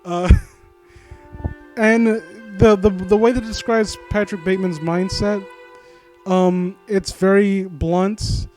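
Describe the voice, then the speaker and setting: A man reads a story for his critique series and offers blunt, casual remarks, repeatedly stammering, rephrasing, and occasionally cursing. He talks slowly in a high, darkish voice with fairly even intonation. There's background music, and an unevenly held new handheld microphone makes his voice drift quiet at times.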